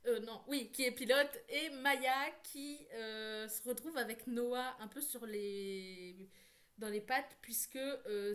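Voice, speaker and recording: A woman book vlogger talking casually, rambling with many fillers and quick self-corrections. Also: on the high side. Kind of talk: casual chat.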